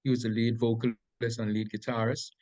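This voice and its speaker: A man's voice: medium pitch, flat delivery, brisk, a little mellow. A Bahamian man with a Bahamian accent, a reggae artist answering interview questions in a laid-back, hesitant way. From Grand Bahama, Bahamas. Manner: laid-back, hesitant with many ums and restarts.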